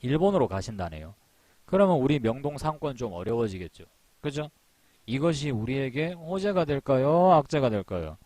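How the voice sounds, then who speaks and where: A middle-aged man giving a live-streamed stock market lecture, lively and talkative, acting out little scenes as he explains. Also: medium pitch, moderate pace, dry recording. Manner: animated, acts out little scenes in put-on voices.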